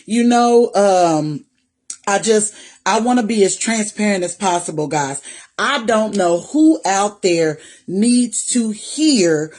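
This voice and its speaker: This live-stream host, a woman in her 40s, speaks slowly in a mid-range voice with lively intonation. She warmly welcomes viewers by name and leans on Southern "y'all" phrasing in her casual chat.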